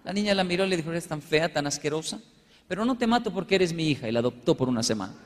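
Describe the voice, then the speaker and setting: A motivational speaker from Colombia with Japanese heritage tells humorous stories to a live audience in a large hall, his notably high-pitched voice ringing with long reverb. He talks very fast and animatedly, acting out short exchanges as he goes.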